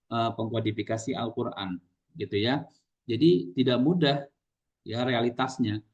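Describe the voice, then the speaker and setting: A man's voice: medium pitch, dull audio. A man giving a casual classroom lecture, explaining with many fillers and tag questions, from Indonesia.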